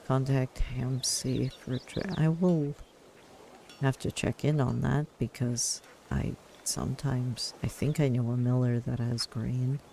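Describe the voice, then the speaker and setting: A man's voice: mid-range voice, fairly even intonation, slow, gravelly, dark tone, a little hiss or hum. A man giving casual video game commentary, musing and hesitant as he thinks aloud and reads in-game text. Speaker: player narrating a video game.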